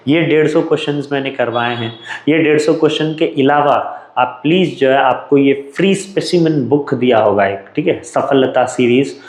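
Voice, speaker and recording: A man's voice: mid-range voice, moderate pace, a little mellow, roomy sound, low-quality recording. A man with an Indian English accent, teaching an exam revision lesson in a chatty, joking way.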